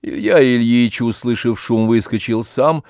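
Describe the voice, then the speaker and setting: A man narrating an audiobook of a classic novel in a measured storytelling manner. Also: mid-range voice, a little mellow, dry recording, clean studio sound.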